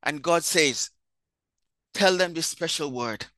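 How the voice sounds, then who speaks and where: A man preaching a sermon, rising into emphatic proclamations when quoting scripture and winding down softly at the close. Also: fairly high pitch, slow, no room sound.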